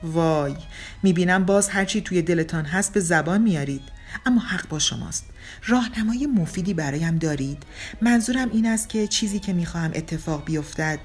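A woman's voice: on the low side, soft background music, natural voice. A woman voicing a breezy young man. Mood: breezy joking. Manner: breezy, joking, self-mocking. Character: cheeky young male ex-surfer, easygoing and flippant. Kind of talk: audiobook character reading.

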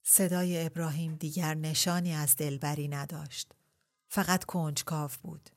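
A woman reading a literary novel aloud in a measured, reflective way, posing rhetorical questions. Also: deep voice, flat delivery. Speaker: audiobook reader. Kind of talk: literary story narration.

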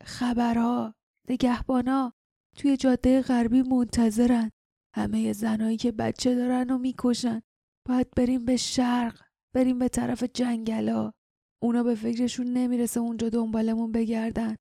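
A woman narrator voicing an injured, dazed man who murmurs faintly and haltingly in an audiobook. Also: fairly high pitch, little pitch movement, dark tone, no room sound, studio quality, voice pushed up. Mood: faint tender. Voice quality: weak, murmuring. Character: dazed injured man murmuring weakly to his lost love. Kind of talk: audiobook character voice.

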